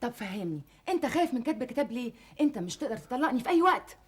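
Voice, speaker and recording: A woman's voice: on the high side, very animated, racing, breathy edge. A snappy Egyptian young woman. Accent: Egyptian Arabic. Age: young adult. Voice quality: snappy, indignant. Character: headstrong young granddaughter, sharp-tongued. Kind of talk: classic Egyptian stage comedy acting.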